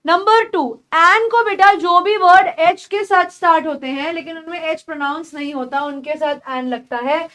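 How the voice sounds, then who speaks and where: A young woman giving an English grammar lecture in Hindi, explaining rules step by step and saying the example sentences slowly. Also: very high voice, fairly bright tone. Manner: explains step by step, calls students "beta"; spells out slow, drawn-out English examples. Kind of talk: online exam-prep lecture.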